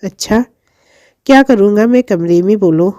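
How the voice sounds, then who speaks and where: A calm young husband who speaks softly and patiently, sounding quietly amused, played by a woman storyteller. The voice is warm and mellow, recorded dry and close. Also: mid-range voice, moderate pace, no echo, dull audio, close to an everyday voice.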